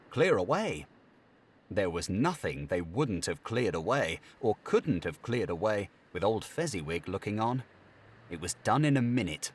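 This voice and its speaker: Male narrator, low voice, animated pitch, slow unhurried pace, theatrical storytelling. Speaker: audiobook narrator. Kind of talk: scripted narration.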